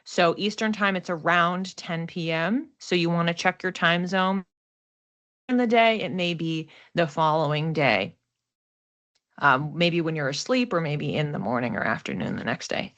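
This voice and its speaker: A woman with a lowish, fairly bright voice talks at a normal pace while giving a card and astrology reading. As an oracle card reader and astrology host, she thinks aloud in a relaxed, reflective, conversational, unscripted manner.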